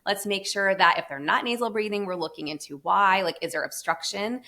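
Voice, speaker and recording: A woman's voice: medium pitch, a little fast, pushed and bright. A woman guest on a podcast, a pediatric therapist who explains her work at length in a passionate, emphatic way. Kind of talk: casual podcast conversation.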